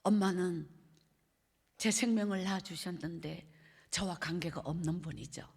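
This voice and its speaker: A middle-aged woman evangelist with a Gyeongsang accent, giving an emotional sermon testimony and often dropping to a soft hush. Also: on the low side, moderate pace, creaky, slightly rough. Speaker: evangelist preacher. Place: church sanctuary. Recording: long reverb of a church hall.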